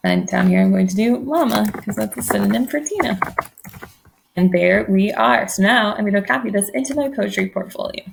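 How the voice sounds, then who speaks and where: A woman's voice: mid-range voice, a little fast, vocal fry, slight background noise. A woman teacher giving an online poetry lesson, thinking aloud in a friendly way while she types.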